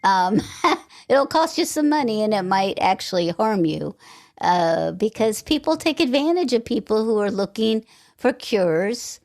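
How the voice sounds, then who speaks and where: A woman's voice: mid-range voice, sing-song, a little slow, a little mellow. A woman hosting a podcast interview, talking in a chatty, conversational way with asides. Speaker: podcast host. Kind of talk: casual interview chat.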